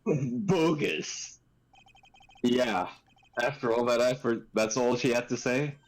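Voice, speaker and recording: A man's voice: medium pitch, flat delivery, normal speed, poor audio. A man reading video game dialogue aloud, mixed with casual commentary. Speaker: gaming show player and reader.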